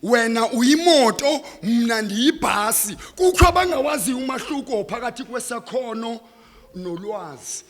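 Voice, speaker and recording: A South African slam poet with a Xhosa accent performs declamatory, rhythmic spoken-word poetry live on stage in a reverberant hall. His very high, expressive voice moves at normal speed, impassioned and dramatic, swelling from hushed to loud.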